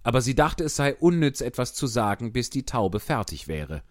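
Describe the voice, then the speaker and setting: A man narrating a storybook in an expressive, animated reading. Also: mid-range voice, normal speed, dry recording, studio quality.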